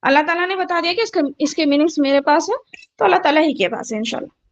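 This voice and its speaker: In an online Quran recitation lesson, a woman tajweed teacher patiently explains the rules, repeating each one and questioning her students. Her voice is high-pitched and expressive, and the audio is dull.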